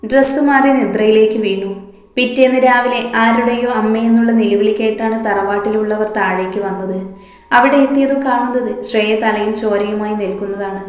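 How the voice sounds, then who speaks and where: A woman's voice: on the high side, fairly even intonation, moderate pace. Woman narrating in an echoey room. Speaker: storyteller. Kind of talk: scripted story narration.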